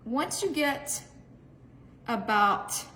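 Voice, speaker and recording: An enthusiastic woman with a Southern accent walks through a recipe in a home kitchen. Her voice sits a little high. A faint hiss runs underneath. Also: animated, very slow, sharp tone. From Mississippi. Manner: bubbly, enthusiastic. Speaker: cooking show host. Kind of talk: casual cooking demonstration.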